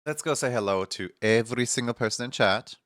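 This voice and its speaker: Congested male streamer, clear close voice. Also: mid-range voice, brisk, fairly bright tone, no room sound. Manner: rambling, laughs often, greets chat members by name. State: congested morning voice. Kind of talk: casual live-stream chat.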